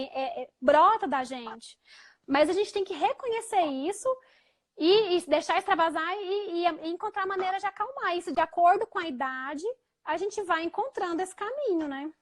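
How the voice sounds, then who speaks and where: A Brazilian woman with a strikingly high voice leads a relaxed live chat about parenting. Her speech is halting and full of restarts. She turns soft and gentle when she repeats what she says to her child. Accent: Brazilian Portuguese. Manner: hesitant, with frequent restarts and repeated fillers. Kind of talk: casual explanatory chat.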